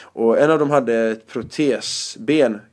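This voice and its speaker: A male stand-up comedian being interviewed, telling lively anecdotes in casual chat and often laughing. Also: mid-range voice.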